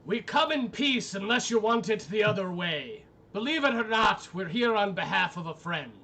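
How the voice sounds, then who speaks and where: Man playing a bold, loud-voiced adventurer. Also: on the high side, animated, normal speed, gravelly, exaggerated voice. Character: bold adventurer with a magically amplified voice.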